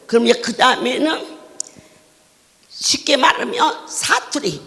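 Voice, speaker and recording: A man preaching a revival sermon as a pastor, telling stories in an animated way and breaking into laughing shouts. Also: very high-pitched, unhurried, gravelly. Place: large church hall. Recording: long reverb of a large church hall.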